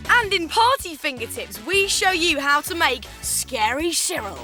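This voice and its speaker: A woman's voice: sits high, big pitch swings, measured pace, over music. A woman presenting a children's craft show, explaining steps in an encouraging way. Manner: bright, encouraging, explains step by step. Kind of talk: upbeat instructional presenting.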